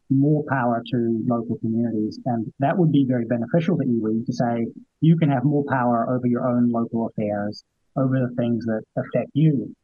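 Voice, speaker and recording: A man with a husky, slightly rough voice talks politics as a guest commentator. He speaks conversationally and haltingly, circling back over his phrases. The sound is dry, dull and lo-fi. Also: medium pitch, no room sound. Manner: hesitant, repeats phrases. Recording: dull, lo-fi remote audio.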